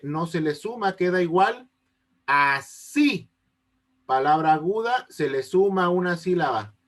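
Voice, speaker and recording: A man teaching an online class over a video call, explaining step by step and often checking that his students understand. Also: high voice. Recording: unstable connection.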